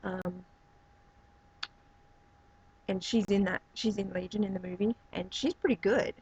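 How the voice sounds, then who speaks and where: Husky woman rambling through a review. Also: mid-range voice, steady tone, a little slow, darkish tone, lo-fi sound. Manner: rambling, many fillers and restarts. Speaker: movie reviewer. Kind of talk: casual spoken review.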